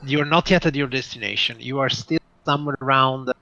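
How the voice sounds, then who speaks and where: A man narrating a tabletop game as dungeon master, with many pauses and fillers. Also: mid-range voice, steady tone, creaky, sharp tone, highs cut off. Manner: hesitant, many fillers, slow in places.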